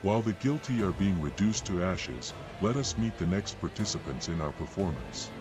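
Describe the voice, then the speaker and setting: A cold, solemn executioner from a fantasy game, with a deep male voice. He declaims formally and grandly, like an official at a public rite. Heavy music plays behind him. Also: lively intonation, moderate pace. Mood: solemn, contemptuous. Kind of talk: dramatic video game voice acting.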